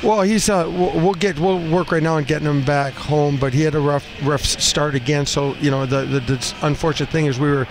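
Over music, a fifties-aged hockey coach with a slightly high voice answers postgame questions unscripted, halting and blunt, with frequent repeated phrases. He talks into a headset boom mic in a small cinder-block room at the rink, where a steady background din fills the noisy space.

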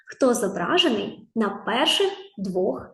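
A woman teacher with a Ukrainian accent, leading a lesson for small children, drawing out each sound and asking gentle questions. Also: a little high, very animated, slow pace, gravelly, echoey room. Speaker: preschool teacher. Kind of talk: slow, patient lesson for young children.

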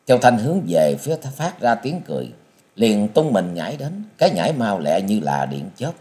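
Expressive male martial-arts story narrator. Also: fairly low pitch, normal speed. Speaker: audiobook reader.

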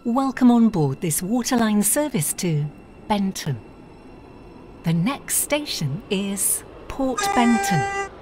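A woman giving recorded onboard train announcements in a calm, measured, formal manner. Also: mid-range voice, a little hiss or hum.

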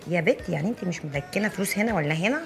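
A woman's voice: fairly low pitch, lively intonation, rapid-fire, gravelly, faint music behind. An actress with an Egyptian accent playing a blunt, nagging young woman friend.

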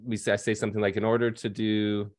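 On a nighttime video call from home, a thirty-something man who works as a financial advisor joins a panel through his headset. His fairly low voice moves fast with little pitch variation, and his casual speech is full of fillers and false starts.

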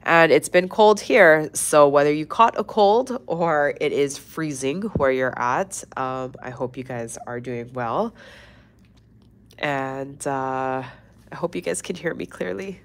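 A young woman with a low voice hosts a casual nail art livestream, sounding stuffy and congested from a cold. She chats in a friendly, rambling way, full of fillers and restarts. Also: slow, a little hiss or hum. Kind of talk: casual livestream tutorial chat.

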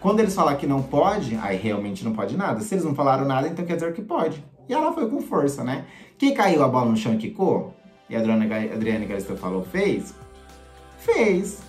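A man's voice: medium pitch, very animated, a little fast. A man hosting a casual gossip commentary, chatty and sarcastic, often asking for agreement. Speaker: gossip channel host. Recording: echoey room with faint music.

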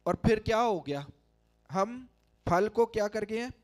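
Slow, high-voiced preaching man. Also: expressive. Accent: Pakistani Urdu. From Pakistan. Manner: preaching with rising, emphatic calls to the congregation. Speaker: pastor. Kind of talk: sermon. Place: large church hall, standing at a pulpit. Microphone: handheld microphone.

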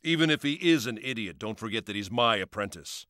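Casting: man voicing a brusque sword master, low and bright. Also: expressive, fairly quick, no room sound, clean studio sound. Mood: gruff. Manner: brusque, scolding. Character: gruff, arrogant male sword master. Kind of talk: ad-libbed dub outtake.

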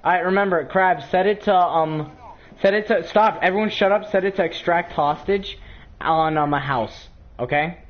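A man chatting and shouting with friends during an online game, laughing often and getting exasperated. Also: high-pitched, moderate pace, slight background noise. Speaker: gaming channel host. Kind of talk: casual gaming chat with friends. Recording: dull lo-fi voice chat.

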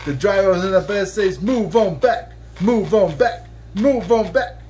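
Lying on a bed in the bedroom, a thirties-aged father sings a children's song out of a book to his child in a high, slightly mellow, unhurried voice. His delivery is playful and sing-song, with the line endings drawn out, and a camera sits a few feet off.

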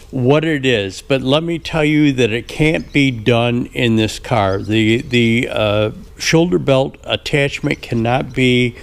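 A man in his fifties giving a casual workshop update from a large indoor garage, talking haltingly with many fillers and throat clearing. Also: medium pitch. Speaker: restoration shop owner. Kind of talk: casual shop update vlog. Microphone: action camera on head or chest.

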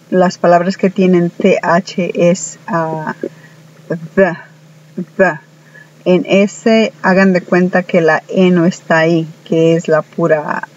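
Slow, flat-voiced Spanish-speaking woman teacher. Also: on the low side, highs cut off. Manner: slow, deliberate, many hesitant "ah" fillers. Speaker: English teacher. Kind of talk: recorded online language lesson.

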